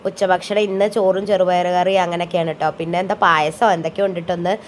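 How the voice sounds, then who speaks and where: A woman's voice: lowish voice, steady tone, quick pace, slight background noise. A woman, a mother chatting through a family vlog voice-over in a homely way. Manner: homely, chatty, tags sentences with "ട്ടോ". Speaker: vlogger and mother. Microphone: voice-over, close mic.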